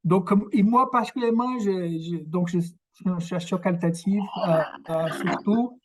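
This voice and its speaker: A Brazilian researcher whose first language is Portuguese gives a workshop lecture as a guest over a video call, speaking with a Québécois French accent. His voice sits high, he halts and searches for words, and the video-call mic audio is poor.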